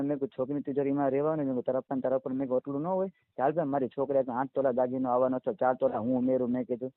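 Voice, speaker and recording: A man retells past arguments over the phone, acting out each line he quotes. He speaks quickly at a middle pitch. The sound is dry and tinny, as on a phone line. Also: no room sound. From Gujarat, India. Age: 30s. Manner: retells arguments in long runs of quoted speech. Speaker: marriage candidate. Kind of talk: phone interview.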